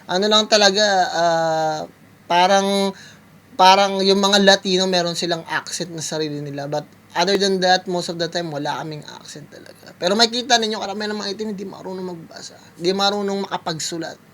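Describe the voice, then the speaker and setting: A man's voice: sits high, fairly quick, a bit bright. A man giving casual, rambling reaction commentary, talking directly to his viewers with many fillers. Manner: rambling, full of fillers, keeps addressing viewers as guys. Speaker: music producer reacting to a video. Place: California.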